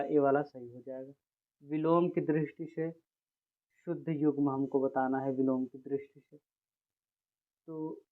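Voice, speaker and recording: A man going through a spelling quiz as a teacher, reading out each option and casually calling his viewers friends. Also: on the high side. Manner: informal, addresses viewers as friends; reads out options, then repeats the right spelling slowly. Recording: tinny phone-like sound.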